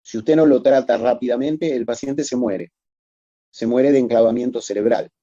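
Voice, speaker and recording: A man's voice: mid-range voice, moderate pace, dark tone, no echo, dull audio. A man giving a recorded medical lecture, explaining methodically and addressing students formally.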